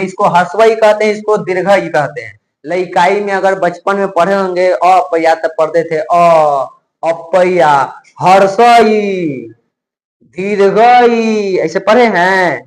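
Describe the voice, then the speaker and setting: A male teacher giving a grammar lesson to a class, drilling sounds slowly and often asking the students if they have understood. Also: high voice, poor audio. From India. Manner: asks students frequent check questions.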